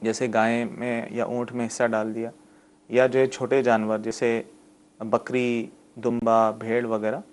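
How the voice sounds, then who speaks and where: A man answering callers' religious questions on a TV studio show. His voice sits at an ordinary, medium pitch. He explains calmly and at length, and pronounces difficult words slowly and clearly. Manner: patient and explanatory, spells out the right pronunciation slowly. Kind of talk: religious call-in Q&A on TV.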